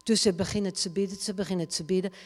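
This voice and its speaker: A woman's voice: medium pitch, steady tone, fast talker. A woman preaching and retelling a story dramatically, her volume rising and falling sharply. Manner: dramatic retelling, wide swings in loudness. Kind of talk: sermon storytelling. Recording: long hall reverb.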